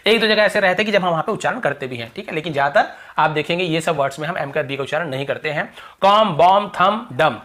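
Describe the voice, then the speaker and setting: A man teaching English pronunciation in Hindi to viewers, repeating example words slowly and asking rhetorical questions, often dropping to a quiet voice. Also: fairly high pitch. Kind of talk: explaining pronunciation rules to viewers.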